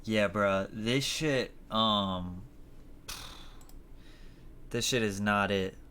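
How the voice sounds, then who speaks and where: A man's voice: on the low side, very slow, bright, forceful tone, slight background noise. A man hosting a music review show, giving a blunt, rambling critique full of fillers and swearing. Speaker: host reviewing music submissions. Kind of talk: casual critique.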